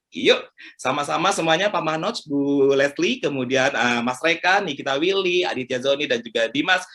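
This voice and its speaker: Casting: upbeat male launch-event host, bright tone. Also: fairly high pitch. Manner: upbeat, chatty. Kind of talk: hosting a virtual launch event.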